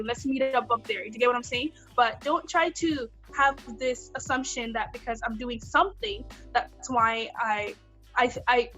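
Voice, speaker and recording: A woman's voice: a little high, fairly bright tone. A woman who models, co-hosting a casual podcast chat, speaking candidly and emphatically with frequent restarts.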